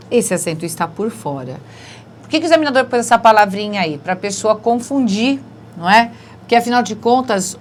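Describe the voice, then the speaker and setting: A woman's voice: lowish voice, slight background noise. A woman teaching a Portuguese grammar lesson for exam prep, explaining step by step in a Brazilian accent and checking in with her listeners. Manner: explains step by step, tags questions with né and certo.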